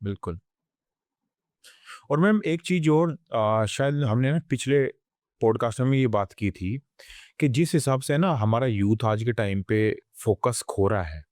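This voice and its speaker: Mellow-voiced male podcast host. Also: mid-range voice, unhurried, dry recording, clean studio sound. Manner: frequent short agreeing replies, asks long questions. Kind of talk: podcast interview.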